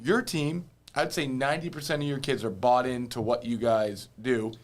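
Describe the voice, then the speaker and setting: Man, youth basketball coach, opinionated, lively casual chat. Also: mid-range voice, moderate pace.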